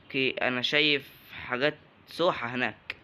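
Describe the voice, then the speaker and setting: A man's voice: mid-range voice, a little fast, slight background noise. A young man with an Egyptian Arabic accent, commenting casually on a video game he is playing, joking and yelping at enemies. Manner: jokey, bursts into excited yelps at enemies. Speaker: gaming YouTuber. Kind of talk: let's-play commentary.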